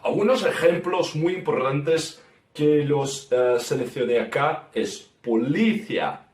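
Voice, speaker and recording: A man with a Brazilian Portuguese accent, a native Portuguese speaker, slowly teaching vowel sounds and repeating example words. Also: on the high side, lively intonation, darkish tone, roomy sound, recorded from a distance. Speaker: guest teacher. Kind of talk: language lesson.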